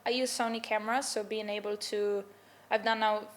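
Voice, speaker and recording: A woman's voice: medium pitch, level tone, fairly quick. A young woman from Slovenia, a filmmaker, chatting casually and upbeat with lots of fillers. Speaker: filmmaker and content creator. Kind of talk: casual conversation.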